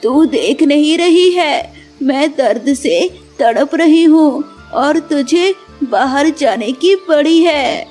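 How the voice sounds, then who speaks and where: A woman's voice: high voice, lively intonation, slow, a little mellow, faint music behind. A woman voicing a scheming, scolding mother-in-law bird in a cartoon, with dramatic wailing. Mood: fake wailing.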